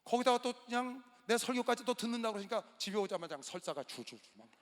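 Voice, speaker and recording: A male pastor preaching a sermon in a large gymnasium, telling a story with sudden loud outbursts and quiet asides. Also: very high voice, expressive, fast talker. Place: large indoor gymnasium used as a church hall. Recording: long reverb of a large hall.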